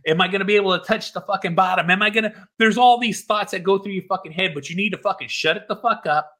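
A man with a notably high-set, husky voice delivers a motivational speech. He exhorts the listener forcefully and emphatically. His phrasing is repetitive and loaded with profanity. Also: fast talker. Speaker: motivational speaker.

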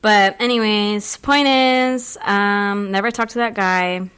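A woman's voice: mid-range voice, steady tone, slow pace, fairly bright tone, clear, resonant tone. Chatty young woman podcast co-host. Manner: rambling storyteller, filler-heavy, says "like" constantly. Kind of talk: casual chat.

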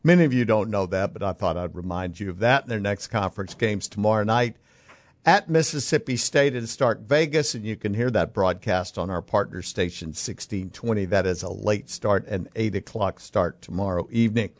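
A man hosting a sports talk radio show, talking in a brisk, conversational way, his voice loud and dense from broadcast processing. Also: fairly low pitch, dry recording. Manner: brisk, conversational host patter.

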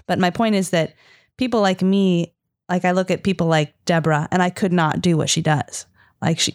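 A woman co-host in a casual chat, earnest, measured and reflective. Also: fairly low pitch, darkish tone, no room sound, studio quality.

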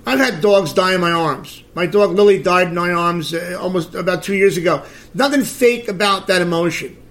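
A man's voice: high-pitched, normal speed, a bit bright. A middle-aged man hosting a podcast, ranting about celebrity gossip in a crude, sarcastic way. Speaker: podcast host. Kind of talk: blunt celebrity gossip commentary.

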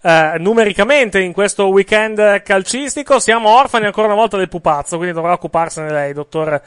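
A man's voice: sits high, expressive, fairly quick, a bit bright, clean tone, dry recording, clean studio sound. A man hosting a football show in an informal, conversational, improvised way. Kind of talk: informal sports show presenting.

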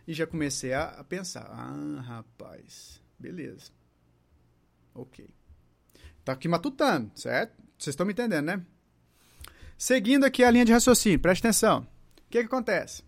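Um homem com sotaque brasileiro, terapeuta dando uma aula informal em vídeo, conversando com o público com perguntas retóricas. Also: male voice, high voice. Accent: Brazilian Portuguese. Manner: chatty, asks the audience rhetorical questions, acts out patient dialogues. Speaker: holistic therapist teaching. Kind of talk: informal video lesson to viewers.

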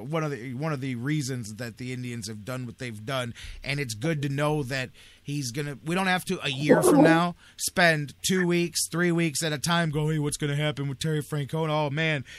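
Male sports talk host, bright and a bit high, rambling and upbeat with lots of restarts, dry close mic. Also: no room sound. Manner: excited and rambling, with frequent restarts and fillers. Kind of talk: casual sports talk chat.

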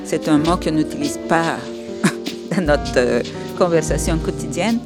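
Loud music plays behind a low-pitched woman as she recounts her past as a podcast interview guest. Her first language is Spanish, and she speaks at a measured pace, reflective, with hesitations and laughter.

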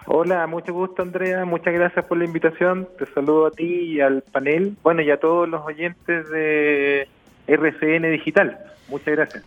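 A man's voice: a little high, level tone, normal speed, faint music behind. A man, a technology executive explaining things as a radio interview guest. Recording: tinny phone line.

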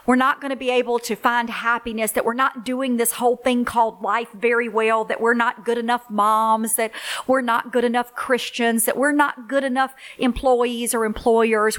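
A middle-aged woman hosting a faith-based podcast for single moms, telling stories in an earnest, encouraging way. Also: on the high side. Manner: warm storytelling, earnest and encouraging. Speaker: podcast host, ministry leader.

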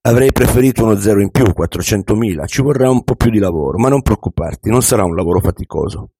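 A man voicing a wise, calm older millionaire who patiently teaches a young man, read as an audiobook. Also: fairly low pitch, breathy edge, no echo, clean studio sound. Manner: patient, measured, instructive. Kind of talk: audiobook reading.

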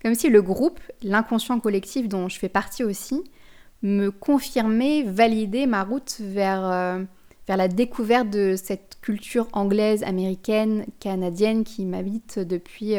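A woman's voice: medium pitch, darkish tone. Woman, podcast host, spiritual monologue, reflective, speaks straight to the listener. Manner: reflective, addresses listener directly, frequent restarts.

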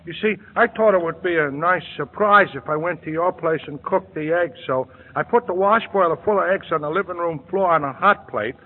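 A man's voice: fairly high pitch, brisk, few pauses, natural voice. An American man playing a scared, dim comic sidekick in an old radio drama, folksy, earnest and ungrammatical. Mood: sheepish, anxious. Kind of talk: old-time radio comedy acting. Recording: echoing narrow old radio recording.

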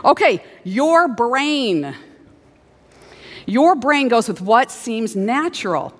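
High, lively woman preacher. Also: takes it slowly. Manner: animated, storytelling, conversational. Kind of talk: sermon with acted-out stories. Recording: long hall reverb.

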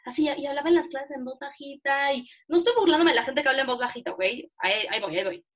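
A young woman with a Mexican Spanish accent teaches an online class in a high, lively voice. She talks fast and chattily and pokes fun at herself. The sound is that of a video call. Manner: chatty, animated, self-mocking. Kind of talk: casual online lesson.

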